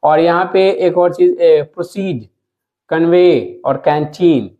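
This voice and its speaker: A man teaching a lesson to viewers, explaining slowly, repeating words and asking himself questions as he goes. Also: a little high, mellow, highs cut off. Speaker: English teacher.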